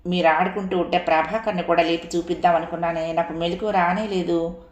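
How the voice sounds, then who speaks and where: A woman's voice: fairly low pitch, fairly even intonation, a little fast, dull audio, natural voice. A woman voicing a teasing, chatty young man, a friend in a spoken story, recorded in an echoey room.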